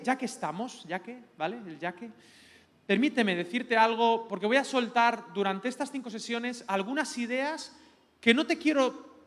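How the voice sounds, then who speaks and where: Middle-aged pastor with a Spanish accent from Spain, high voice, playful preaching, long hall reverb. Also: male voice. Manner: lively, joking, playful preacher. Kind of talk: teaching sermon. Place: large church hall.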